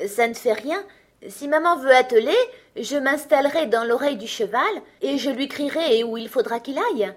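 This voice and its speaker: A woman's voice: sits high, moderate pace, voice pushed up. A woman voicing a tiny, clever peasant boy with an eager, cheeky way of talking, in a storybook reading. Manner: bright, eager, mocking.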